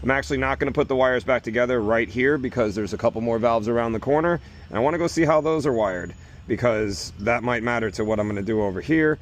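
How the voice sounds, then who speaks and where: A man's voice: medium pitch, fast, slight background noise. A man working as an irrigation technician outdoors, casually explaining each repair step in a plain, practical way as he works. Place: outdoors at a job site.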